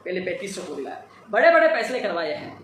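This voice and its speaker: A man's voice: sits high, big pitch swings, quick pace, fairly bright tone, very echoey, distant mic, a little hiss or hum, rough recording. A tired man giving an emphatic, repetitive live update to followers on recruitment demands. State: tired after a long day. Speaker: job-seeker advocate giving updates.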